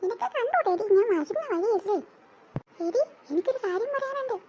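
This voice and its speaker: Voiced by a performer, a jumpy cartoon boy who stammers and rushes his words in a very high, animated voice. A faint hiss runs behind him. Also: lo-fi sound. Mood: urgent. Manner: stammering and urgent. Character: jittery young boy Vasu, easily scared.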